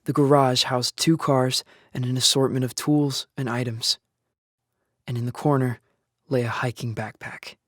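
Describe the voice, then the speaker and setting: Music plays behind a clean, studio-quality recording with no room sound as an actor, the lead and narrator, voices a young male apocalypse survivor grieving his father in a first-person audio drama. His medium-pitched voice is level, unhurried, and fairly bright. He's earnest and shaken, narrating in a somber, reflective mood broken by anguished outbursts.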